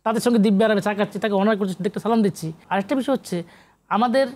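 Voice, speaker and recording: High-pitched and rapid-fire with a darkish tone, this Bangladeshi man is a guest professor and literary researcher on a lively TV interview. He explains with emphasis, in a lecturing manner, using English academic terms along the way.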